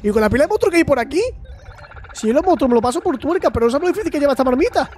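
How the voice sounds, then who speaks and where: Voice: high-pitched, lively intonation, rapid-fire, darkish tone, a little hiss or hum, voice pushed up. A streamer voicing a grumbling, cheeky robot with an Andalusian accent, reading its lines in a raised voice. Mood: grumbling, bossy. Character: grumbling cheeky robot hauling a heavy pot.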